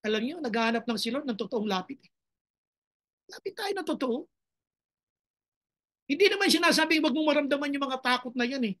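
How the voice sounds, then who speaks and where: A woman's voice: high voice, lively intonation, brisk, long pauses, fairly bright tone. A woman pastor preaching a sermon with passion. She switches between two languages and breaks into dramatic cries to God.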